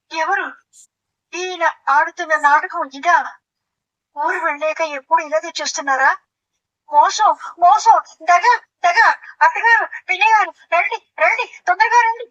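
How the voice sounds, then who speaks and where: A hot-tempered young wife, played by a woman, hurls accusations in a high, bright, piercing voice. She is theatrical and quick to outrage, like a comic audio-play character. The recording is dull and lo-fi. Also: steady tone, far from the mic. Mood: outraged.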